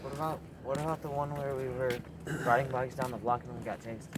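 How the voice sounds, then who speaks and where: A man walking outdoors with friends in a neighborhood, chiming in with brief quick remarks. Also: medium pitch, fairly even intonation. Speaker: friend on the walk. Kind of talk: casual chat. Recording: loud street noise outdoors.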